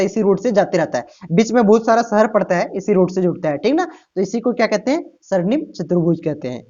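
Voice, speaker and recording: On a dull lo-fi recording, a woman with a mid-range, darkish voice runs an exam-prep class, raising questions and then supplying the answers. Her teaching leans on rhetorical questions, with "ठीक ना" and "प्यारे बच्चों" repeated often.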